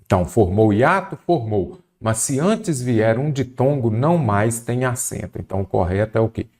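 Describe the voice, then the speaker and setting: A man's voice: medium pitch, expressive, normal speed, a little mellow. A man teaching an exam-prep grammar lesson, explaining step by step and answering his own questions. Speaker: Portuguese teacher.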